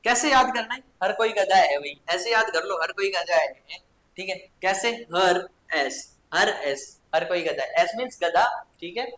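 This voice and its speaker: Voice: medium pitch, animated, fairly bright tone, slight background noise. A teacher giving a spelling lesson to schoolchildren, spelling each word letter by letter and checking in with questions. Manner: spells words slowly letter by letter, with coaxing questions. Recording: echoey room.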